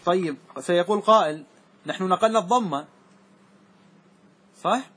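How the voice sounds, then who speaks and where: A man teaching Arabic grammar as a sheikh, walking his class through word forms step by step and asking often whether it is clear. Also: high voice, fairly bright tone. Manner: keeps checking that students follow, asking if it is clear; slows and repeats words to stress their forms.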